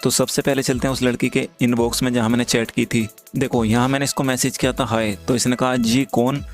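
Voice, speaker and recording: A man hosting his channel, walking through a screen-recorded chat and reading the messages aloud in a steady, even way. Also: medium pitch, fairly quick. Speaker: channel host. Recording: faint background music.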